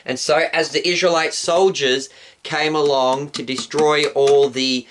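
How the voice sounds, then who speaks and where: A male pastor calmly telling a Bible story for children and explaining it step by step. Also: fairly high pitch, measured pace, slight background noise. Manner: calm, explanatory, acts out shouts.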